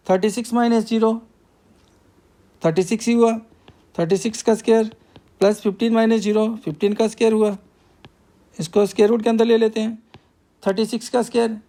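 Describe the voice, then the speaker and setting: A man's voice: sits high, mellow. A male math teacher, working through a problem step by step and asking himself questions before he answers them.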